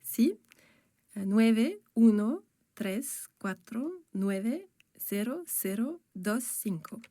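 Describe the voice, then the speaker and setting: A young French waitress. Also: female voice, on the high side, animated, extremely slow, warm tone, dry recording, studio quality, heavily acted. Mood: plain. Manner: plain, clear answers spelling things out. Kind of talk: scripted textbook audio dialogue.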